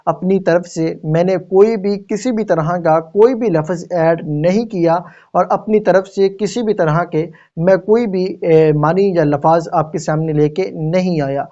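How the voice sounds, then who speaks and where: A man's voice: sits high, mellow. A man earnestly addressing video viewers, explaining and repeating his points. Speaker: video presenter. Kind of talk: direct-to-viewer video outro commentary. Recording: dull lo-fi voice recording.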